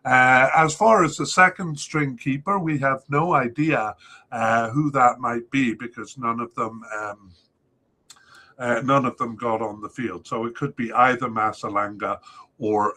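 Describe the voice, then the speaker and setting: A man's voice: mid-range voice, bright, forceful tone. A man hosting a solo soccer preview podcast, talking through squad lists with many hesitations and filler sounds. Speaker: podcast host.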